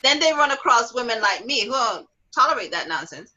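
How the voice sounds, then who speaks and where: A woman's voice: fairly quick, dull audio. A middle-aged woman hosting a casual talk show, telling stories animatedly and acting out quotes with big jumps in her voice. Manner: animated storyteller, acts out quotes with big pitch jumps, laughs often. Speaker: host.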